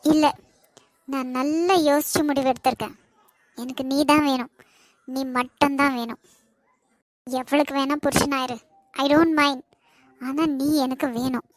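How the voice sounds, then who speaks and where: A woman's voice: very high-pitched, dry recording. A woman voicing a lovesick young cartoon woman with a Kanyakumari Tamil accent, pleading and tearful with her ex. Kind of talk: cartoon voice acting.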